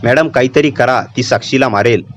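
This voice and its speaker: A man's voice: medium pitch, brisk, a little hiss or hum, close to an everyday voice. A man voicing a frightened young housemaid who pleads fearfully. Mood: pleading. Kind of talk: storytelling narration.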